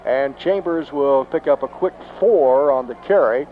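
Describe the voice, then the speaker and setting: A man with a Texan accent calling high school football play-by-play, excitable and rising sharply on big plays. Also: a little slow. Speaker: play-by-play announcer. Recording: dull lo-fi 1990s broadcast tape, faint noise.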